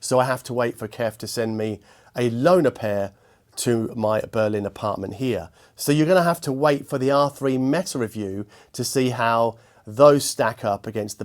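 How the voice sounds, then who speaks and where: Addressing his viewers as host, a man reviews a piece of equipment aloud in a mid-pitched voice. He is measured and articulate, choosing each word with precision.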